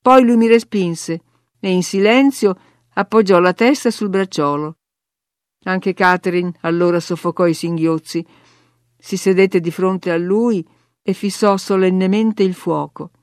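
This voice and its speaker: A woman's voice: lowish voice, unhurried, no echo, clean studio sound. Woman steadily reading a novel aloud. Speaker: audiobook narrator.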